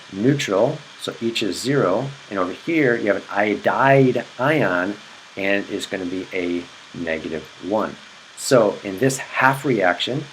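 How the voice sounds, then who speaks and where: A man's voice: lowish voice, fairly bright tone, a little hiss or hum, poor audio. A man explaining chemistry in a recorded lecture, repeating key points and checking in with "okay?". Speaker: chemistry teacher.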